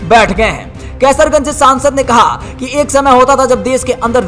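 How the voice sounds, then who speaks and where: A woman's voice: sits high, expressive, moderate pace, faint music behind. A woman narrating a scripted news report as a voice-over, with an emphatic, dramatic headline delivery.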